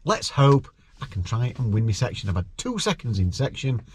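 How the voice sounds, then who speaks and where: A man's voice: medium pitch, big pitch swings, fairly quick, a little mellow, slight background noise. A middle-aged man, talking casually to camera outdoors beside a lake, chatting through his plans. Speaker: angler vlogger.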